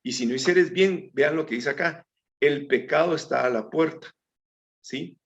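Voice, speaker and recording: A man's voice: fairly high pitch, normal speed, creaky. A man teaching a Bible study in a conversational way, calling his listeners brethren and reading scripture aloud. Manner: reads scripture aloud with small slips. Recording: dull lo-fi recording.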